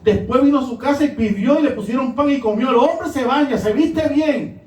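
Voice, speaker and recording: A man delivers a sermon in a high, ringing voice. He swings between emphatic peaks and hushed, low drops. The recording sounds echoey, with the voice set back from the mic. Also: normal speed. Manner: emphatic preaching, rising and dropping. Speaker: preacher. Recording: echoey room, voice from a distance.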